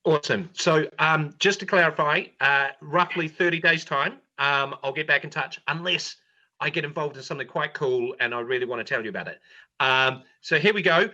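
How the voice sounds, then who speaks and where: Halting bright-voiced man playing a tabletop game. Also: a little high, dull audio. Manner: halting, with many fillers. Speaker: player.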